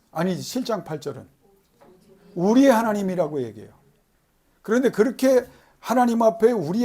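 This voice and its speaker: Male pastor, high pitched, preaching in a church service. Rhetorical questions, emphatic build on key lines. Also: gravelly. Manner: asks rhetorical questions and answers them; emphatic, swelling louder on key phrases. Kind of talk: sermon.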